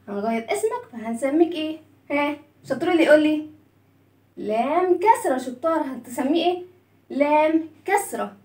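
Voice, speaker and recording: High-voiced Egyptian teacher drilling kids. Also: female voice, a little mellow, distant mic. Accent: Egyptian Arabic. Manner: encouraging, drilling sounds, asks questions. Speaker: children's teacher. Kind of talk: kids' reading lesson. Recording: echoey room, away from mic.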